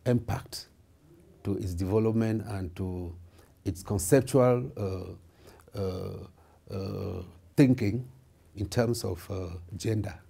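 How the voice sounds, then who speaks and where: Middle-aged guy from cameroon, formal and slow to find words, low mellow voice, office interview. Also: creaky, breathy edge. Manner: measured, formal, with frequent hesitations. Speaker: member of parliament and lawyer. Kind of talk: reflective interview answers. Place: indoor office with wood paneling.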